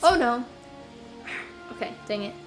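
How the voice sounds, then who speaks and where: With game music clearly audible behind her, a young woman in her apartment gives casual commentary on her gameplay, rambling, sighing frequently and filling pauses. Her fairly high voice is animated yet unhurried, and the recording quality is low.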